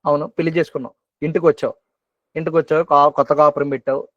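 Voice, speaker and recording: A man's voice: a little high, level tone, very fast, no room sound. Questioning male preacher, dull call audio. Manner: questioning, repeating phrases for emphasis. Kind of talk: sermon at an online prayer meeting. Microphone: video call.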